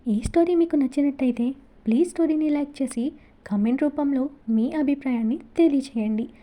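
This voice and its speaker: Very dark-toned high female outro voice. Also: fairly quick. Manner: polite appeal to listeners. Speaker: channel narrator. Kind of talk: scripted channel outro.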